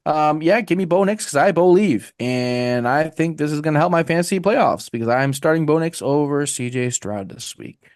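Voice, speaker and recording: Scherzoso conduttore di podcast sportivo. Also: male voice, fairly high pitch, lively intonation, dry recording, studio quality. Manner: joking, quick banter, mock auctioneer patter. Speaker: podcast co-host. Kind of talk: casual sports betting chat.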